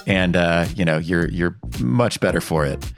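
A man's voice: deep voice, measured pace, creaky, faint music behind. A man hosting a podcast in casual chat, joking with co-hosts and signing off the show. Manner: relaxed, joking, signs off the show. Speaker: podcast host.

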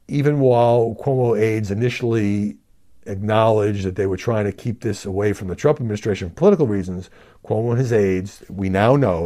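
A middle-aged man from Brooklyn delivers televised news commentary with a lively, swooping delivery. His tone is mellow and warm, and he talks in an emphatic, chatty way. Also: fairly low pitch. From Brooklyn, New York. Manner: animated, emphatic, conversational. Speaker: news media commentator and show host.

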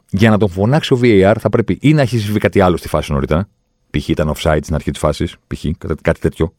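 Male pundit with a deep voice, insistently breaks down the rules. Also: darkish tone, dry recording, studio quality. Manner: explains rules insistently, acts out quoted voices. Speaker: football refereeing commentator. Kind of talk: opinionated talk-show monologue.

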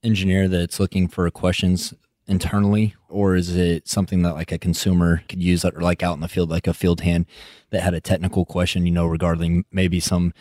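A man's voice: low-pitched, little pitch movement, fairly quick, a little mellow, no echo, studio quality. A man from West Texas with a West Texas accent, hosting an interview as a casual, blunt, informal chat. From West Texas, United States. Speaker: interview host.

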